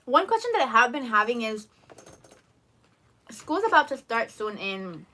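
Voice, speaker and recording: At home over lunch, a young woman co-hosts a live stream, chatting bubbly and straight to her viewers between bites. Her voice is on the high side, very animated and sharp in tone, at a measured pace.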